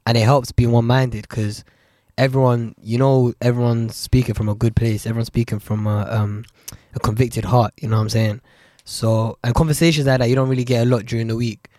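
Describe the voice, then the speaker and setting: A man's voice: mid-range voice, level tone, a little fast, a little mellow, no room sound, studio quality. A young man with a London accent, chatting casually as a podcast co-host. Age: young adult. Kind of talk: casual chat.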